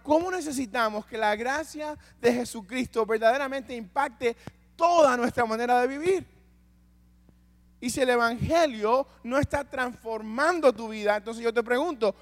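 High-voiced preacher in a reverberant hall. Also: male voice. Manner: rhetorical questions to the congregation, swinging from loud to hushed. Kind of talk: sermon.

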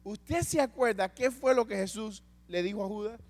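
A man with a high voice preaches a sermon. He fires rhetorical questions at the congregation and drops from loud urging to a near hush. His words ring out with a long reverb, as in a big hall. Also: moderate pace.

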